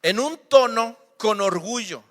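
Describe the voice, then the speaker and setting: Slow, bright-voiced Mexican pastor preaching. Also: male voice, high voice, lively intonation, long reverb tail. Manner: emphatic, preaching in rhetorical questions. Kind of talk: sermon.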